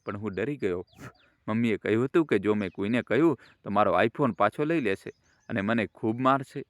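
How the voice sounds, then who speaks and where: A man's voice: lowish voice, brisk, no echo, clean studio sound, natural voice. A man playing a frightened ten-year-old boy. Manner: faltering, tearful.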